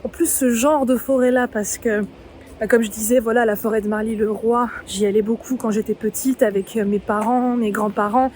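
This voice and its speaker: A woman's voice: a little high, steady tone, normal speed, darkish tone, slight background noise. A woman from the Yvelines, chatting casually while hiking through a forest, thinking aloud with plenty of fillers. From Yvelines, France. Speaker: travel vlogger. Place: forest trail outdoors.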